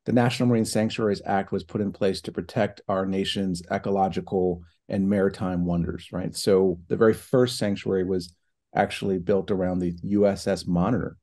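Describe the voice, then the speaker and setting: On a laptop video call from his home office, a middle-aged foundation president chats as a guest in a relaxed online interview. He's from New Hampshire and Ohio, United States, and his low, warm voice is steady and brisk, thoughtful but full of fillers and restarts.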